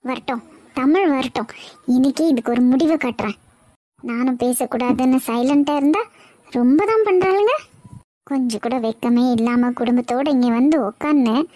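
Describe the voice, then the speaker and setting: A woman voicing a bossy, scheming middle-aged mother-in-law in an animated cartoon, scolding sharply and scornfully. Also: high voice, moderate pace, dry recording, studio quality.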